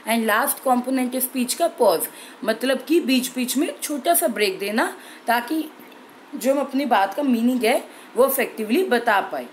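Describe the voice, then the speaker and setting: A young woman teacher explaining an exam-prep language lesson clearly and steadily, slowing down on key terms. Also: a little high, lively intonation, slight background noise, rough recording.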